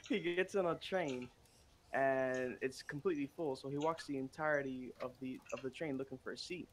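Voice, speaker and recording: Man telling a joke over a noisy mic. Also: medium pitch. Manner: rambling storyteller, halting fillers. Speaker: streamer host. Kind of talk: casual chat, telling a joke.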